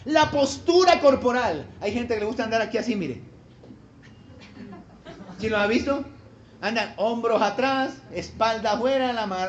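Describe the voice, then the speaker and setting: With a very high voice, a pastor preaches emphatically and fires rhetorical questions at his congregation. There's slight background noise, and the live church recording sounds dull, with faint ambience.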